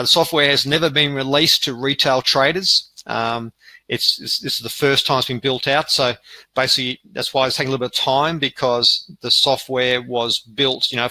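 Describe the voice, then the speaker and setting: A man presents over a webinar video call. His voice is very bright and sharp-edged, and it sounds dry and close with no room around it. He talks in a loose, conversational way, often circling back on his points. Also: mid-range voice, no room sound, low-quality recording. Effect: heard over a webinar video call.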